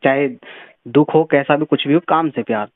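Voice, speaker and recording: A man's voice: a little high, moderate pace. A man giving earnest, preachy motivational advice on a phone call, repeating words for emphasis. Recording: tinny phone line.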